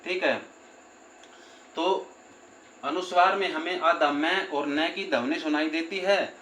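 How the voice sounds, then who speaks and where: A man with a slightly high voice teaches a grammar lesson. He goes over each point more than once and slows down to spell out word parts. The room echoes, with a faint hum behind him. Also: fairly bright tone. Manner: repeats points, often says "theek hai" and "doston".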